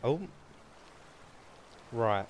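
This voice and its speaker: A young man, chatting casually while playing a game, swearing a lot and breaking into excitable outbursts. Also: drawn-out words, a little hiss or hum. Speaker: gaming host. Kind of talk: casual gameplay chat.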